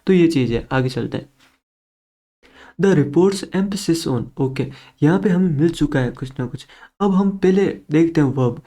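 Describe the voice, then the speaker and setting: A young man gives a casual exam-prep lesson, chatting directly to his students. His voice sits a little high but sounds mellow and relaxed. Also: moderate pace. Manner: chatty, direct, mixing English into Hindi. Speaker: online exam-prep teacher.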